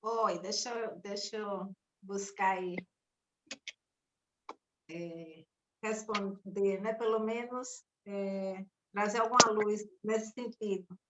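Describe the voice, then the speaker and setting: A woman's voice: mid-range voice, fairly even intonation, slow pace, noisy background. A woman responding thoughtfully in a study group discussion, searching for words as she goes. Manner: hesitant, many fillers and restarts, reflective.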